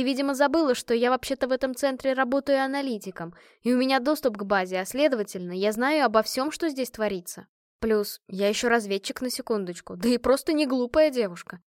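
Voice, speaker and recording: A woman voicing a calm, ironic woman analyst who speaks in a measured, dry way. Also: on the high side, no echo, natural voice.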